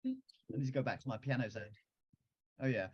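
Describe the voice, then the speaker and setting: A children's author, a man with a mid-range, slightly breathy voice, talks a little fast and casually on a video call. Sitting at a piano at home, he performs his own songs and raps over piano music, and the sound is lo-fi.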